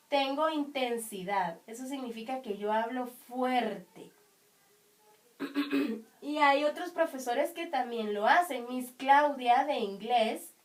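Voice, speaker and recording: A woman teaching young children, explaining patiently with many checking questions, her high voice strong and carrying. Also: distant mic. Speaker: primary school teacher. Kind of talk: online class for children.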